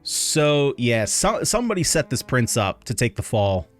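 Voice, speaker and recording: A man's voice: mid-range voice, very animated, moderate pace, faint music behind. A man hosting a gaming video, talking through gameplay in a loose, rambling way with many fillers. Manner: rambling, filler-heavy explaining. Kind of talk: casual gameplay commentary.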